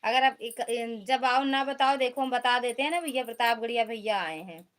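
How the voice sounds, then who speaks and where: A woman's voice: on the high side, normal speed. A woman chatting casually on a live stream, greeting viewers and teasing them while reading out their comments. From Uttar Pradesh, India.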